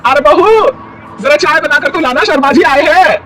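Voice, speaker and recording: A man's voice: extremely high pitch, normal speed, far from the mic, a faint crowd, pitched above the performer's own voice. A man voicing a bossy, dramatic elderly mother-in-law in a cartoon story, scolding and wailing. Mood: commanding. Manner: scolding, loud calling out, wailing complaints.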